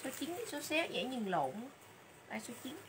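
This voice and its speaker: A woman doing a livestream sales pitch for clothes, chatty and repeating item names and prices again and again. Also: sing-song, a little fast, noisy background. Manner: chatty, calls viewers "dear sisters".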